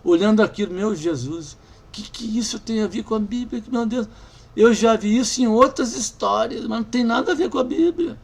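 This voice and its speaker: A man's voice: high voice, normal speed, gravelly, husky. A man preaching a testimony in a storytelling manner, acting out the people in it. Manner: storytelling, acts out the people he tells of, emphatic.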